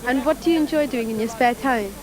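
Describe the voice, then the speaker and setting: High-voiced woman presenter asking questions. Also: quick pace, a crowd in the background, rough recording. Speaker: TV programme presenter, interviewer. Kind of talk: interview questions.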